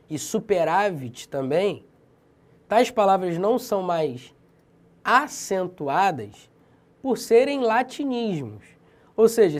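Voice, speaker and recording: A man's voice: high voice, a little mellow. A man with a Brazilian accent giving a casual exam-prep lesson, slangy and emphatic, often checking in with the viewer. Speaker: Portuguese teacher for civil-service exams.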